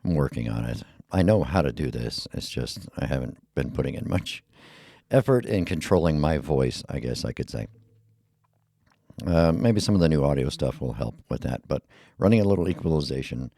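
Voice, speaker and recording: Male podcast host, very low, dark and rumbly. Casual, mumbly solo talk on a close, dry, EQ'd dynamic mic. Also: animated, normal speed, no echo. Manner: mumbly, rambling, with many fillers. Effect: equalizer filter on the mic. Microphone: heavy dynamic podcast mic on a boom arm.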